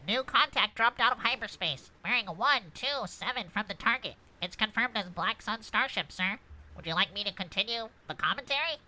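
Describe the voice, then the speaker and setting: In a fan script table read, a woman voices a dutiful droid co-pilot, delivering formal, precise status reports in play-by-play style. Her fairly high voice is expressive, brisk and bright with a forceful tone. The recording is rough, with background noise clearly audible.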